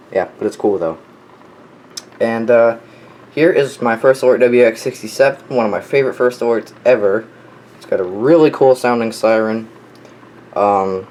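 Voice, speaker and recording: This is a clearly noisy home recording of a young weather radio collector showing what he owns. His voice is lowish and a bit mellow, and his delivery is offhand, unscripted and enthusiastic.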